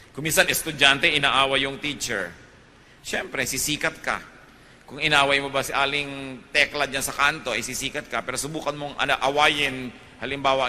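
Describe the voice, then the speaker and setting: A man's voice: mid-range voice, sharp tone, big-room sound, slight background noise. A Filipino man preaching a sermon, moving between Tagalog and English and building to emphatic peaks.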